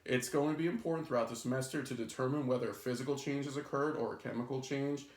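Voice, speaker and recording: A fast-talking chemistry instructor with a medium-pitched male voice records a beginner lecture. He explains step by step and keeps checking in with "right?" and "okay?".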